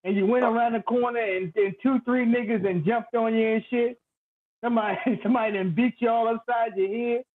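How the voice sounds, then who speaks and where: A man calling in over a crackly, staticky phone line, talking in an animated, playful, trash-talking way. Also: very high voice, a little fast. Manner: animated, loud and playful, vivid street storytelling. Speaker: guest predicting a boxing fight. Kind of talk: casual trash-talking chat. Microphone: cheap phone.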